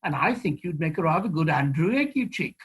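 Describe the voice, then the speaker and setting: A man voicing a brisk, jovial older theatre company manager with a posh, clipped, breezy manner and a husky voice. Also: on the high side, big pitch swings, a bit bright. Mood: jovial, reassuring.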